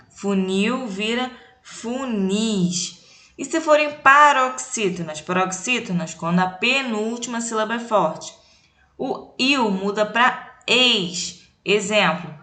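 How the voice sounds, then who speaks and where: Brazilian school teacher lady, bright voice, patient explaining, echoey room. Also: fairly high pitch. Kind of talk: recorded lesson for children.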